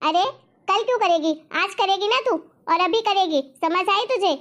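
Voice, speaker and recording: A woman voicing a domineering, quick-tempered middle-aged mother-in-law in a cartoon story, taunting and scolding. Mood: bossy. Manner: taunting, bossy, shrill scolding.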